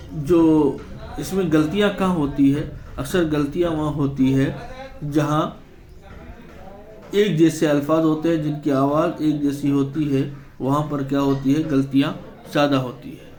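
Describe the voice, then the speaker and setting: A male teacher, giving an exam-prep lesson. He asks the class questions, answers them himself, and reads out lists of words slowly. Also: on the high side, a little mellow. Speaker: Urdu teacher. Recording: echoey room.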